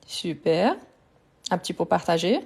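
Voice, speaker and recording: Slow, mellow-voiced woman teaching French. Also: on the low side, sing-song, gravelly, husky. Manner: repeats each word slowly to drill pronunciation; patient, addresses viewers directly. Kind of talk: live online language lesson.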